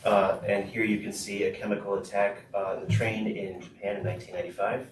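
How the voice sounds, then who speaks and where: A man interpreting a student's talk into English at a school board meeting, steady with frequent "uh". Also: on the low side, normal speed. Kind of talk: consecutive interpreting. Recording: echoey room, far mic, noisy.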